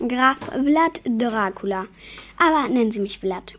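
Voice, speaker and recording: A charming, well-mannered male vampire count, played by a woman reading aloud. He speaks in courtly, reassuring phrases with a light, somewhat high voice. The feel is a storybook reading. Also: lively intonation, a little slow, fairly bright tone, a little hiss or hum. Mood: gallant. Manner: polite, gallant and reassuring.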